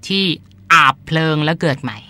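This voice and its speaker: Speaking fairly quickly in a sharp tone, this man hosts a podcast and works as a translator. His casual talk explains terms, frequently repeating them with polite particles.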